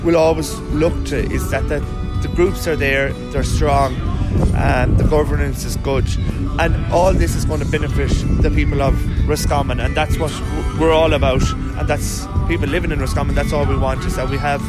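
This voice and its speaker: A man's voice: fairly high pitch, fairly even intonation, moderate pace, few pauses, over loud music, low-quality recording. An Irish man promoting local community efforts in an outdoor radio interview, earnest and often restarting his sentences. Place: outdoor town-square Christmas fair.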